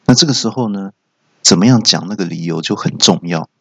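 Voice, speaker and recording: A man hosting a solo comedy show, telling jokey stories and jumping into shouted character quotes. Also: sits low, brisk, vocal fry, slightly rough, no echo. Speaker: comedy podcast host. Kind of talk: solo stand-up storytelling. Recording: dull lo-fi recording.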